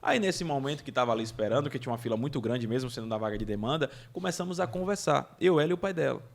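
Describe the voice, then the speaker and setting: A man as a podcast guest, telling lively anecdotes in casual chat and laughing through the funny parts. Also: mid-range voice, racing, creaky. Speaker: podcast guest, event producer.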